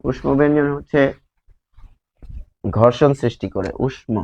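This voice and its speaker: A slightly mellow, medium-pitched voice with vocal fry belongs to a male teacher from Bangladesh leading a grammar lesson at a moderate pace. Through a slightly dull lo-fi recording, he answers his own questions and lengthens sounds to illustrate them.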